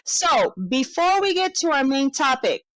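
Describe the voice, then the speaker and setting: Chatty higher-voiced woman podcaster on headset. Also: very animated, a little slow, a bit bright, dry recording, low-quality recording. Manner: chatty, laughs often, swears casually. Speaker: podcast co-host. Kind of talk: casual podcast chat.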